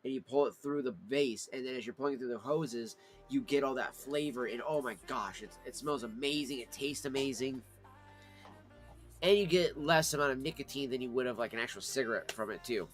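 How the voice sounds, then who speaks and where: A man's voice: mid-range voice, fairly quick, faint music behind. A man hosting a casual livestream, chatting informally and in a rambling way, as if to friends. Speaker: livestream host reviewing pipe tobacco.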